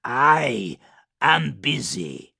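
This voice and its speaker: A man voicing a huge, rotting male plague daemon, proud yet insecure, who speaks in louder, higher defensive outbursts. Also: very animated, extremely slow, vocal fry, breathy edge, exaggerated voice. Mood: defensive, agitated.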